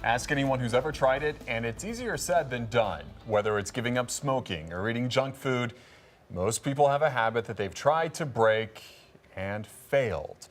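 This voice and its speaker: A man anchoring a local newscast, reading a health segment in a measured, reassuring way. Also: mid-range voice, animated, soft background music. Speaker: news anchor.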